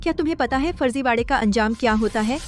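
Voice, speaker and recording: A woman's voice: a little high, quick pace, natural voice. An actress playing a proud businesswoman who pleads with and scolds her estranged husband, in a dubbed short drama. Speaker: wife.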